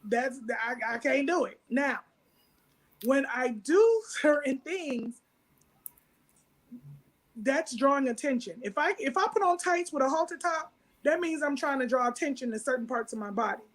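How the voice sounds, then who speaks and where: A woman's voice: sits high, animated, moderate pace, low-quality recording. A woman on a church panel discussion, talking frankly and matter-of-factly from her own experience. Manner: frank, matter-of-fact, speaks from personal experience.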